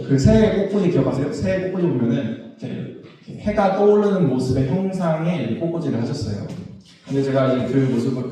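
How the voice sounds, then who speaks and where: A man's voice: medium pitch, mellow. A man, a pastor, preaching a sermon and asking his congregation questions, then answering them himself. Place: church sanctuary. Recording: echoey church hall, voice from a distance.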